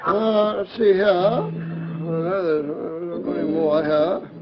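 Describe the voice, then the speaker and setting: An absent-minded, dithering counter in 1950s children's television comedy. He mutters slowly and wearily in a creaky voice. The recording is dull and lo-fi, with loud music behind. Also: sits high, fairly even intonation. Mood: weary, muddled.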